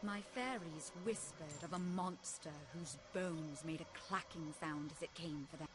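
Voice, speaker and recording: A woman's voice: low-pitched, a little slow. A woman voicing a noble, caring fairy lady in a fantasy video game, formal and solemn. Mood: grateful, grave. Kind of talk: video game character acting.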